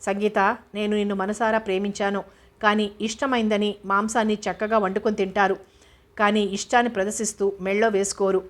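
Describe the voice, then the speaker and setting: A woman's voice: medium pitch, little pitch movement, a little fast, natural voice. A woman reading a curt, sarcastic young man. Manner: curt, cutting. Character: young man, stubborn and sarcastic toward his former love. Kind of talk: audiobook character voice.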